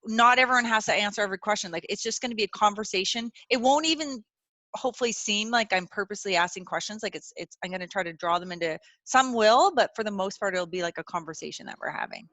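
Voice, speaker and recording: Over a video call, a female webinar host chats casually and reassuringly, using lots of "like" and "you know." Her mid-range voice is quick, pushed, and bright, and there is no echo.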